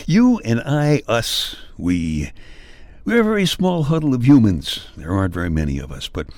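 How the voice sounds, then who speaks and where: A man's voice: mid-range voice, huge pitch swings, normal speed, a little mellow, no room sound. An older man hosting a podcast in a playful, folksy monologue with mock-grumbling humor. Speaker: podcast host. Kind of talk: personal humorous storytelling monologue.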